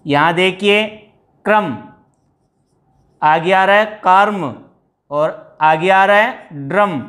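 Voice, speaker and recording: This grammar teacher, a man whose voice sits high and a bit bright, explains step by step and answers his own questions to the students. When stressing examples, he draws his words out.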